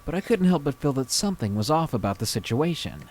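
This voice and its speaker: A man reading a scary true story aloud with slow, dramatic pacing. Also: medium pitch, very animated, darkish tone. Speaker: story reader.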